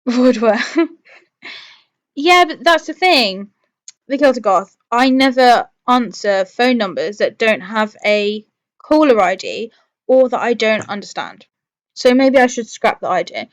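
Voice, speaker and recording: Unhurried, with a slightly high voice and big pitch swings, a woman rambles through casual live-stream chat. She thinks out loud to her viewers and frequently changes her own mind.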